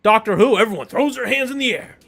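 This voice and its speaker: A man streaming a video game, chatting casually with animated, joking mock outrage. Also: sits high, fast talker, creaky.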